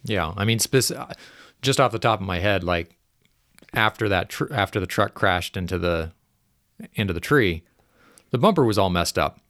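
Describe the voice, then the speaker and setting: A man's voice: low-pitched, expressive, fairly bright tone, dry recording, clean studio sound. A man casually reminiscing in conversation, often restarting his sentences and laughing as he tells a story. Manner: halting, restarts and laughs while telling.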